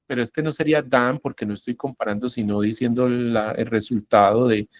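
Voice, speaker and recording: Brief: male teacher, patient explainer, mid-pitched, dry close sound, checks in with the class. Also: steady tone, no room sound. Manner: explains patiently, checks in often, models words slowly. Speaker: English teacher. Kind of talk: online English lesson.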